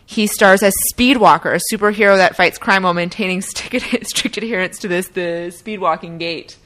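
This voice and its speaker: A woman's voice: mid-range voice, normal speed, fairly bright tone. A woman from Seattle hosting a podcast, chatty and playful. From Seattle, United States. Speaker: podcast host. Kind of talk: casual podcast chat.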